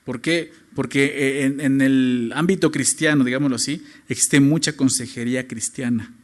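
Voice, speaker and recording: Guy preaching, keeps asking the crowd questions, gets loud then drops low, normal pitch. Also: fairly even intonation, moderate pace. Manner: emphatic, with rhetorical questions to the congregation; swings from loud high emphasis to low quiet phrases. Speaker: pastor. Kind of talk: sermon.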